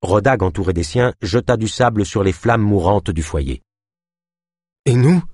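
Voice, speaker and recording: A man's voice: fairly low pitch, moderate pace, a little mellow, no room sound, studio quality. A man narrating an adventure story as an audiobook, reading expressively.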